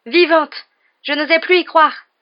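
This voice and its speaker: A woman voicing an excitable teenage boy who speaks eagerly and loudly. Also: medium pitch, quick pace, dull audio, close to an everyday voice. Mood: overjoyed. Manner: exclaiming, eager.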